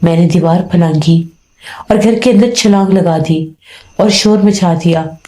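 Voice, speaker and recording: A woman's voice: fairly low pitch, a little slow, dark tone. A woman narrating a scripted horror story in the first person, acting out the dialogue of its characters. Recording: roomy echo with faint music.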